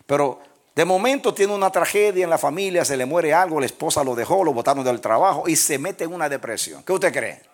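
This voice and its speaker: A man preaches a sermon in a voice pitched a little above most men's. He swings between loud, emphatic bursts and quiet, hushed stretches. He chuckles at his own jokes. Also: animated, brisk. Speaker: pastor.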